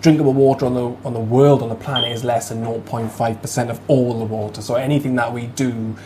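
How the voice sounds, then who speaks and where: An excitable, effusive interview host with a South Wales Valleys accent, chatting casually on location indoors. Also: medium pitch, fast, noisy background. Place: indoors in a converted bunker.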